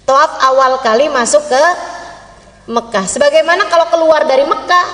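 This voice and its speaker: A woman preacher telling a story in a sermon, lively and chatty with humorous asides. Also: high voice, normal speed. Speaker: female Islamic preacher. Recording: reverberant hall.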